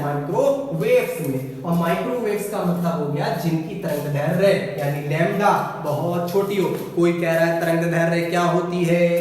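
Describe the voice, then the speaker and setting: A high-pitched male teacher explains a physics lesson playfully, asking his class questions and answering them himself. His voice sounds far from the mic in an echoey room with a long reverb tail. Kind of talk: classroom lesson with student-style replies.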